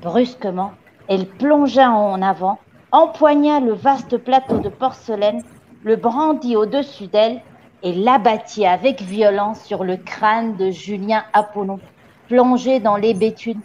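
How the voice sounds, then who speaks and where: A woman reading a children's novel aloud in a steady, expressive storytelling manner. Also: medium pitch, unhurried, slight background noise. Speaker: reader. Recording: dull lo-fi audio.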